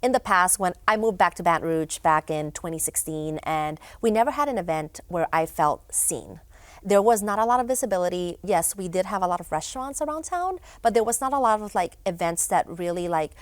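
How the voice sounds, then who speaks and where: Young woman, from Honduras, studio guest, casual talk with fillers, low voice, dry studio sound. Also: animated, brisk, dry recording. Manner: casual, many fillers and restarts. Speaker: guest, event founder. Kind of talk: studio interview.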